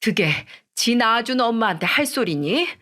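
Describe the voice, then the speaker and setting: A woman's voice: on the high side, lively intonation, moderate pace, sharp tone, pitched above the performer's own voice. A woman voicing a rude, greedy older mother-in-law who scolds and bosses in a coarse way, in a read-aloud story. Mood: wheedling. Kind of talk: storytelling radio drama reading.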